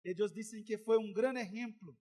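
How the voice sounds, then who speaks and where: Middle-aged male preacher, very high pitch, storytelling sermon that swells into loud exhortation. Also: moderate pace. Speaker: pastor.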